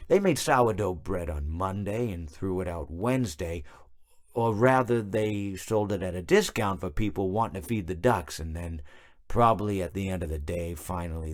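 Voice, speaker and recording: A man voicing a rambling, absent-minded, cheerfully morbid animatronic in a video game, halting and correcting himself as he meanders. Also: deep voice, darkish tone. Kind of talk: theatrical video game character monologue.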